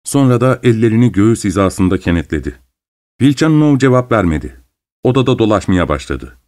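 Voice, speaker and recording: A man with a low voice narrates a novel as an audiobook. His reading is measured and full of expressive rises and falls.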